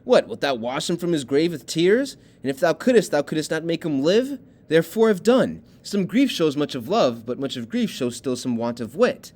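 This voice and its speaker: A stern noblewoman mother, cold and blunt toward her daughter, as a man reads her lines. The reading is plain, with a lively pitch. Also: moderate pace, few pauses. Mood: scolding. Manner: plain read-aloud of verse.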